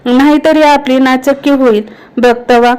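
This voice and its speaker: A woman's voice: sits high, fairly even intonation, moderate pace, darkish tone, clear, resonant tone, natural voice. A woman voicing an older village mother, protective and stern, in rustic village speech. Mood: worried.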